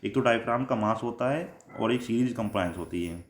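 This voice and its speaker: A man with an Indian accent delivers an explanatory electronics lecture step by step, reading definitions and then paraphrasing them, repeating points and mixing in English technical terms. His mid-range voice is brisk, and the echoey room has slight background noise.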